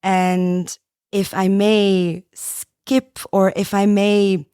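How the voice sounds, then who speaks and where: Woman guest in an interview, earnest, thoughtful, words chosen slowly, dry sound. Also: medium pitch, flat delivery, warm tone, clear, resonant tone, no echo. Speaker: guest musician. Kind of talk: interview answer.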